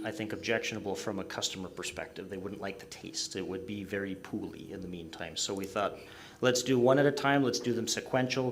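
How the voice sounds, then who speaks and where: A man gives a report at a public meeting. His voice is fairly low, and he explains in measured, technical phrases. Faint room noise sits behind him. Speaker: project staff presenter.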